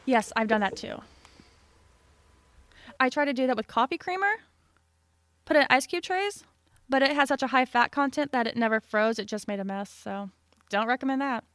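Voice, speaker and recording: A woman's voice: sits high, normal speed, long pauses, fairly bright tone, no room sound. A woman co-hosting a podcast in casual, chatty conversation, recorded at a desk mic at home. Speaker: podcast co-host. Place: home basement with no door. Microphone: desk microphone.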